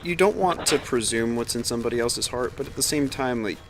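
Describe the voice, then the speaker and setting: A man co-hosting a casual spiritual chat, speaking softly and in a measured way. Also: medium pitch, background noise. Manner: soft, measured, many affirming murmurs.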